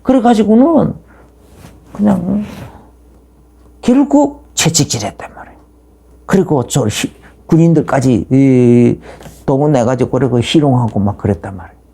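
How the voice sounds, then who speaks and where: Gravelly, animated woman preaching. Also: extremely low pitch. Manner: emphatic storytelling with rhetorical questions. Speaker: pastor. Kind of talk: sermon.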